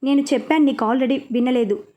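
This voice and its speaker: A woman's voice: sits high, brisk, warm tone, lightly acted. A woman voicing a hot-tempered young male company director who scolds an employee. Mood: angry. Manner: scolding, irritated.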